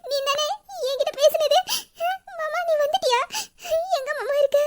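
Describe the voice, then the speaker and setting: A woman's voice: very high voice, steady tone, fast talker. A young woman voicing a devoted wife who tearfully pleads for her absent husband in an audio drama. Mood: pleading. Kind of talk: emotional audio drama acting.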